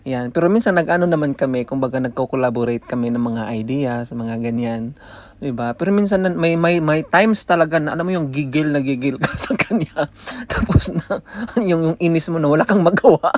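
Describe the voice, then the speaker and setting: A vlogger from the Philippines, his voice a little high and a little fast, tells a casual story in a blend of Tagalog and English. He's chatty throughout and keeps laughing as he talks.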